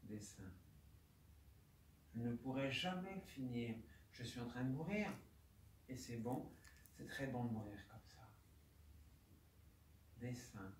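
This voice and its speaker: A man tells his own story at a conference in a very slow, halting way, with aphasia in his speech and many repeated words and phrases. He sounds far from the mic, and the large room echoes around him. A faint hum of ambience sits underneath. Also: mid-range voice, expressive. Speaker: doctor giving a conference talk. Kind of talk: personal testimony lecture. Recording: roomy hall, distant mic, faint ambience.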